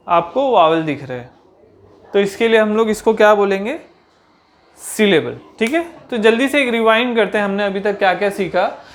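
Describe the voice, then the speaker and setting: Teacher quizzing her class. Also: medium pitch. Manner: asks rhetorical questions and answers them; slows down for English definitions. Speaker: English grammar teacher. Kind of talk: grammar lesson.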